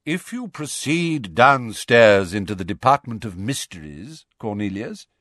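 A man's voice: on the low side, no room sound, studio quality, heavily acted. A man doing Dumbledore, grave and commanding. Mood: calm. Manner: calm, measured and grave. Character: wise old male headmaster, calm and commanding.

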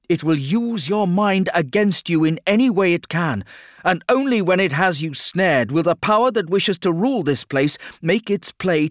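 A man's voice: fairly high pitch, no echo, studio quality, voice pushed up, lightly acted. A man voicing a stern, ominous male psyker warrior who delivers raised, intense warnings.

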